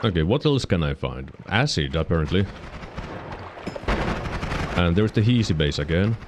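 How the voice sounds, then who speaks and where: A man giving casual let's-play commentary, musing to himself with sudden excited yelps. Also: low-pitched, background noise. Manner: musing, self-talking, quick excited yelps. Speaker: gaming channel host.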